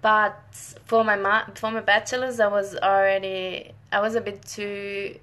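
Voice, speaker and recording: Speaking at a medium pitch, this woman has a flat, slightly slow, somewhat bright delivery. She's a young scientist from northern Italy, Italian by native tongue, friendly and chatty in a live-stream Q&A, often restarting sentences and laughing briefly.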